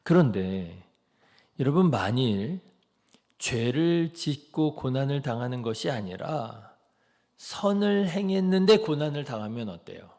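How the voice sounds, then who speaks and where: A man preaching an early-morning sermon as pastor, asking the congregation rhetorical questions and dropping softly into quoted prayers. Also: mid-range voice, very animated, a little slow.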